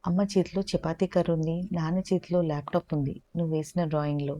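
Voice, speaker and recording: A woman voicing a gentle, affectionate father who talks calmly to his son in a storybook tale. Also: sits low, quick pace, close to an everyday voice.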